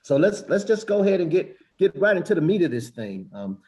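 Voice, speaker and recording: A man's voice: high voice, big pitch swings, a little fast, a little mellow. A man moderating a conference panel, upbeat and welcoming, with frequent fillers and restarts.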